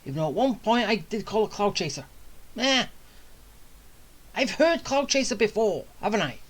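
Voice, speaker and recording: A video game streamer offers casual gameplay commentary, muttering to himself and thinking aloud in a rambling way. The voice is medium-pitched with big pitch swings at a normal speed.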